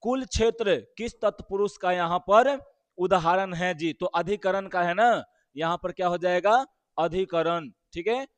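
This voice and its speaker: A man's voice: high-pitched, unhurried, no echo. A male teacher, walking through exam questions and quizzing his listeners with rhetorical questions.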